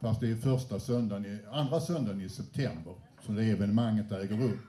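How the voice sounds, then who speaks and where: Mellow-voiced man announcing songs on stage. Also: fairly low pitch. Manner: chatty, anecdotal, slight hesitations. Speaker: band frontman introducing songs. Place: indoor venue with a live audience. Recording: roomy echo.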